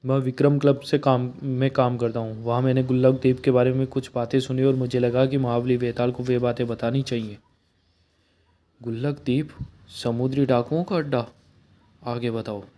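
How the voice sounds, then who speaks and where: Man reading a comic aloud, flat and mellow. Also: medium pitch, brisk, few pauses. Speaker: comic book reader. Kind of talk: reading a comic aloud, voicing all characters.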